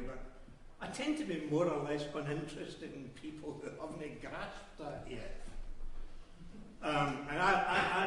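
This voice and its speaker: A man's voice: fairly high pitch, fairly bright tone, distant mic, slight background noise. Rambling Scottish man in an echoey hall. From Glasgow, Scotland. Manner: rambling, hesitant with many ems and ehs. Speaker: poet giving a reading. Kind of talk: live poetry reading with digressions.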